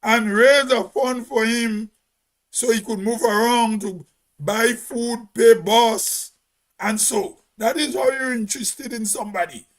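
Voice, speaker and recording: A man's voice: extremely high pitch, unhurried. A Grenadian man giving a spoken commentary in an emphatic, preachy way, as if on radio.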